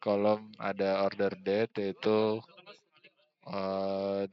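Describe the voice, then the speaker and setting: A young man walks through a software tutorial, hesitant and full of fillers as he thinks aloud while clicking. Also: deep voice, completely flat delivery, drawn-out words, dull audio. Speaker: student presenting a tutorial. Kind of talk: screen-recorded software tutorial.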